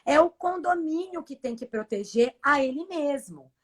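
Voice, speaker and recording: A woman's voice: sits high, expressive, normal speed. A Brazilian woman, a professional condominium manager, giving emphatic, persuasive advice in a live-streamed interview. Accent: Brazilian Portuguese.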